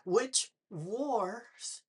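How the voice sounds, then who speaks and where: An older woman with a husky, slightly breathy voice talks to camera in an unhurried way. She keeps throwing pointed questions at her audience, with a dry sarcastic bite. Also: fairly high pitch, a little mellow. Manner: pointed rhetorical questions addressed to the viewer. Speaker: political vlogger. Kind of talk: direct-to-camera commentary.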